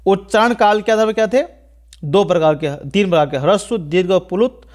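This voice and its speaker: A man's voice: sits high, a little fast, darkish tone. A man giving a step-by-step Hindi grammar video lecture, who often checks in with the class and repeats key points. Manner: explains step by step, keeps asking "ठीक है" and repeating points. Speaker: teacher.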